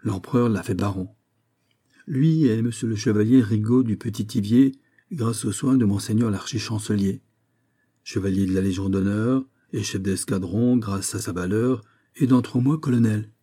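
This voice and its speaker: A man playing a calm, dignified gourmet magistrate. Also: fairly low pitch, moderate pace, close to an everyday voice. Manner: tranquil, dignified. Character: calm witty older male gourmet magistrate.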